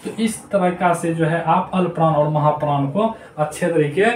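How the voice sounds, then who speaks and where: High-voiced male teacher in an echoey room. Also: normal speed, darkish tone. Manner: repetitive, drills terms aloud. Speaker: Hindi grammar teacher. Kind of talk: classroom lesson to children. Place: noisy room. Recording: echoey room, distant mic, faint noise.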